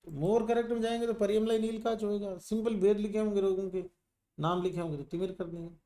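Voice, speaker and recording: A man's voice: sits high, fairly even intonation, brisk, mellow. A middle-aged male teacher lecturing a class on ayurveda, teasing and scolding students while mixing in English terms.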